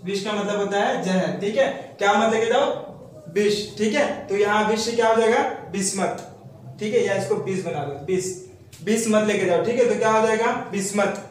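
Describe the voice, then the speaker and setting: A man teaching memory tricks and asking questions he then answers himself, in a steady explaining manner. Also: sits high, moderate pace, a little hiss or hum. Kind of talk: mnemonic lesson for students. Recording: very echoey room, mic far off.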